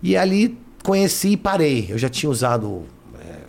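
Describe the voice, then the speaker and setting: A man's voice: fairly high pitch, very animated, moderate pace, creaky. A man, a guest telling his life story in casual, slangy talk that leans on "né" and "cara". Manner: slangy, keeps adding "né" and "cara". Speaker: interview guest.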